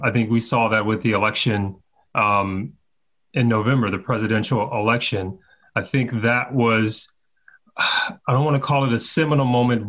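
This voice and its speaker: A man's voice: medium pitch, fairly bright tone. A man from California answering interview questions thoughtfully, often restarting his sentences. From Inglewood, California. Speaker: interview guest. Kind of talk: conversational interview.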